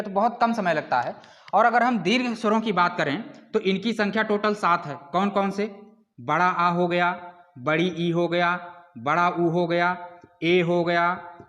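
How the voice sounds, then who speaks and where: A man's voice: high voice, fairly bright tone. A man teaching a class, explaining with rhetorical questions and stretching out sounds to demonstrate them. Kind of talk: classroom lecture.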